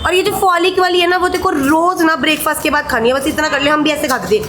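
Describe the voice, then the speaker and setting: A woman's voice: high-pitched, fairly even intonation, fast talker, noisy background. A woman vlogging in a hospital, joking and playful while reassuring others. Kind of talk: casual vlog chat. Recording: echoey hospital with crowd.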